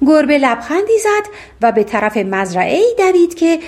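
A woman's voice: high voice, big pitch swings, darkish tone. A woman narrating a fairy tale audiobook, reading expressively and voicing the characters herself.

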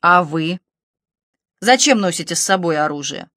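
A woman voicing a haughty, sharp-tongued rich woman who talks down to the police, with cutting sarcasm. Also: on the low side, animated, normal speed, no room sound, studio quality. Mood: imperious, sarcastic. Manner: sarcastic, imperious.

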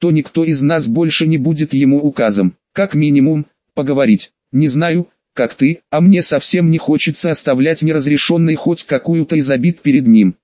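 Male audiobook narrator, slightly high voice, even measured read, dry close sound with a dull top. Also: no echo. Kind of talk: scripted narration.

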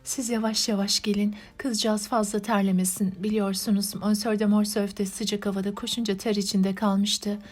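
A woman reading the lines of a gentle, anxious countess in an audiobook, in a measured, even way. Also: mid-range voice, soft background music, close to an everyday voice. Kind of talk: audiobook narration.

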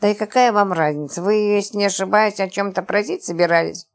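A woman reading the part of a calm, matter-of-fact man giving advice. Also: medium pitch, quick pace, close to an everyday voice. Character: calm composed man hiding under a bed.

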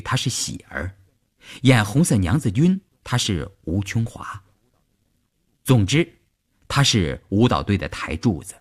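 A man narrating a long-form story for radio in an expressive storytelling voice. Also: fairly low pitch, slightly rough.

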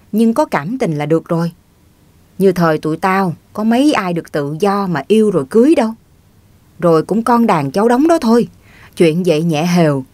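A woman's voice: fairly low pitch, a little mellow, dry recording. A woman reading the part of an elderly rural man who is teasing, easygoing and folksy.

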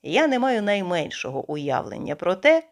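A woman reading the part of a composed, cheerful older hostess in an audiobook, brisk in manner. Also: medium pitch, very animated.

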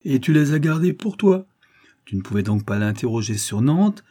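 A man reading an audiobook voices a sharp-tongued, scheming woman who runs a gambling club, scolding her partners with open contempt. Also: mid-range voice, very animated, normal speed, pitched above the performer's own voice. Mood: scornful.

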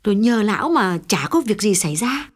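A woman's voice: medium pitch, very animated, brisk. A woman reading as a fretful chatty shopkeeper. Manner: fretful, rambling. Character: anxious middle-aged woman shop owner, chatty. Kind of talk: audiobook reading.

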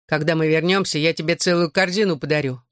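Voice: medium pitch, steady tone, fairly bright tone, no echo, studio quality, lightly acted. A reader voicing a giddy teenage boy in a hospital bed who slurs and drags out his words while drugged. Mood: slurring. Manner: slurred, drawn-out, giddy.

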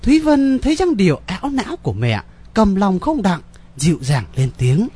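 Male narrator, husky, animated pitch, dramatic story reading. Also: moderate pace, no room sound. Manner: lively, ornate storyteller delivery.

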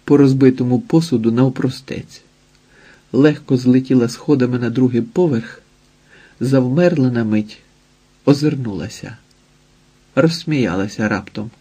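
A man reading a novel aloud as an audiobook narrator, measured and steady. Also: medium pitch, slightly rough.

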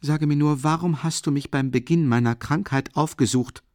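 A man's voice: a little high, normal speed, dry recording, studio quality, voice pushed up, close to an everyday voice. A man reading an audiobook, voicing a sick, bitter young man who pleads to be left alone. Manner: quiet at first, then frantic pleading.

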